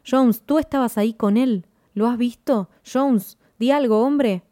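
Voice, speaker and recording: A woman's voice: fairly high pitch, moderate pace, warm tone, pitched above the performer's own voice, close to an everyday voice. A woman voicing worried male crewmen of a space expedition, calling out urgently. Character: anxious crewmen of a rocket expedition.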